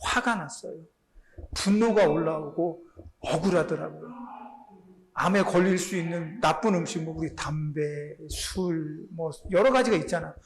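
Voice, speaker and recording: A man's voice: a little high, moderate pace, a crowd in the background. A middle-aged male pastor giving a conversational sermon, acting out prayers and quotes with feeling.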